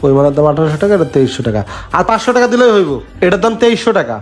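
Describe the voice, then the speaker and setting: A man's voice: a little high, sing-song, soft background music. A man acting a dismissive salesman who brushes off a customer. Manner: dismissive, quick colloquial talk. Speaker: shop salesman in a skit. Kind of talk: amateur social drama acting.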